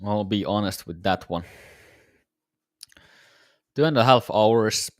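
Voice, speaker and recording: Tired low-voiced man streaming his trading. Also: slow pace, no echo, clean studio sound. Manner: laid-back, musing, talks to viewers. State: tired, voice slightly worn. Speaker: day-trading livestreamer. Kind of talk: casual live-stream commentary.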